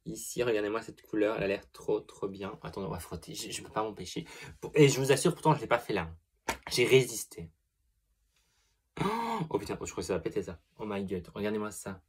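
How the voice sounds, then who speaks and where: A young man talks through a makeup haul in a loose, gossipy vlog style. He is chatty and expressive, swears freely, and gushes over each product as he goes. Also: on the low side, fast talker, breathy edge. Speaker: beauty vlogger. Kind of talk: casual makeup product review.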